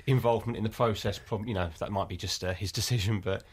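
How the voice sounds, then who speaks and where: Fast-talking jokey man from Essex. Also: on the low side, fairly even intonation, slightly rough. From Essex, England. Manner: jokey, rambling, self-mocking. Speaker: guest, spoof news writer. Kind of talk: casual interview chat.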